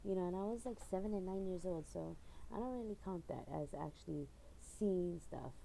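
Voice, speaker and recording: A woman's voice: lowish voice, animated, brisk, creaky, mellow, slight background noise, rough recording. A middle-aged woman from Hawaii, chatting casually in her own vlog and telling stories with lots of fillers. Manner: rambling storyteller with frequent fillers and laughs. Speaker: channel owner.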